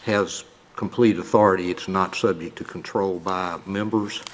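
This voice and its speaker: A man questioning counsel from the bench in a courtroom, deliberately repeating phrases to clarify. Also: low-pitched, steady tone. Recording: reverberant courtroom, faint noise.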